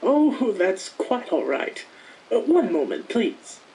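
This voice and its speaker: A woman's voice: mid-range voice, big pitch swings, takes it slowly, dark tone, poor audio. A woman playing a teasing, mad cartoon cat with a sing-song, playfully evasive delivery. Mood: sly, unhurried. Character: mischievous, teasing male Cheshire cat, grinning and mad. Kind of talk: cartoon fandub acting. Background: music.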